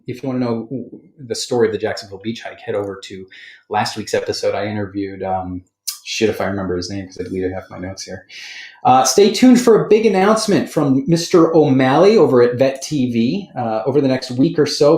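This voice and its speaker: A man hosting a podcast in casual chat, rambling and correcting himself as he goes. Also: medium pitch. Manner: rambling, self-correcting, animated. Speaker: podcast host. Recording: roomy studio echo.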